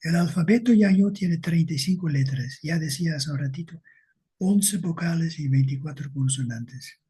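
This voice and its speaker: A man giving an academic lecture with slides, speaking slowly and deliberately and checking in with his listeners. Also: on the high side, mellow, breathy edge.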